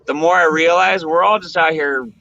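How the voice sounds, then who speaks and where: A man's voice: fairly high pitch, steady tone, normal speed, bright, forceful tone, dull audio. A man in his forties in a casual, laid-back chat, often saying "man" and "you know.". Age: 40s.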